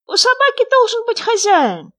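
Woman doing a squeaky tiny boastful frog. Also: moderate pace, heavily acted. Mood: cheerful boasting. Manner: squeaky, excited exclamations. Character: tiny boastful male frog pup, playful. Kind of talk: storybook reading.

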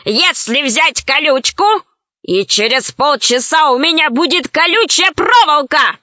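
A woman's voice: high voice, lively intonation, sharp tone, no echo, exaggerated voice. A woman doing a brutish bragging pirate chief. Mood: boastful. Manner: gruff, bragging, drawn-out threats. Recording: slightly dull, dry recording.

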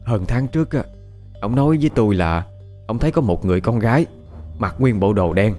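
A man's voice: on the low side, lively intonation, fairly quick, dark tone, faint music behind, natural voice. A man playing a chatty, fretful middle-aged village wife. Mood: flustered.

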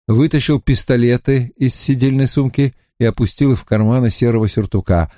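A man narrating an audiobook in an expressive, dramatic storytelling style. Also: medium pitch, no echo, studio quality.

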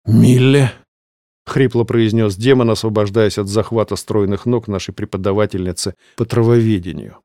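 A man reading a fantasy novel aloud as scripted narration, in a measured, steady way. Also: fairly low pitch, no room sound, clean studio sound. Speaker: audiobook reader.

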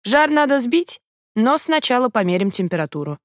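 A woman voicing a cheerful, confident male friend who is a doctor, speaking briskly and giving orders. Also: fairly high pitch, big pitch swings, no echo, studio quality, pitched above the performer's own voice. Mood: brisk, assured. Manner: brisk and commanding.

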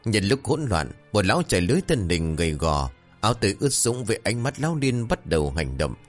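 Low-voiced man telling a dark tale. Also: brisk, faint music behind. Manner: dramatic, expressive. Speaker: storyteller. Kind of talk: dramatic horror story narration.

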